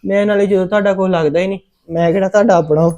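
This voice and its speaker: A man's voice: high voice, fairly even intonation, rapid-fire, warm tone, close to an everyday voice. A man playing an ashamed young son. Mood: hurt pleading. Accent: Punjabi. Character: young adopted son, ashamed and set on leaving.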